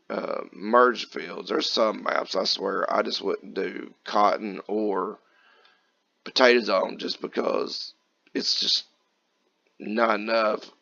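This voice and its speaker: A man from Kentucky, raspy from just waking up, chatting casually through gameplay commentary in a relaxed, folksy way. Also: on the low side, muffled recording. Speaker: gaming channel host.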